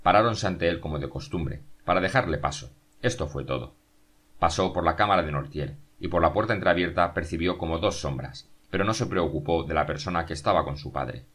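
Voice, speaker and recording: A man narrating a novel as an audiobook, in a steady, measured reading. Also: low voice.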